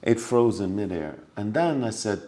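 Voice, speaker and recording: In a relaxed podcast conversation, a male guest shares a personal story, acting out scenes with sound effects and laughter. His lowish voice is expressive and moderately paced, and he drops to a hush for remembered lines.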